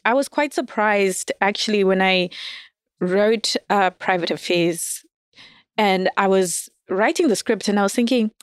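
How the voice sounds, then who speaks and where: An audio fiction writer appears as a podcast guest, chatting casually in an interview, laughing often and telling animated stories. Her medium-pitched voice is unhurried and clean, recorded in a clean studio without echo.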